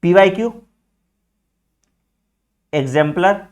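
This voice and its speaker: Man, teacher, casual study advice, direct, frequent check-ins, slightly high voice. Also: animated, slow pace. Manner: frequent "theek hai" check-ins, addresses students as beta; direct, teacherly, mixing English phrases. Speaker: exam coaching teacher.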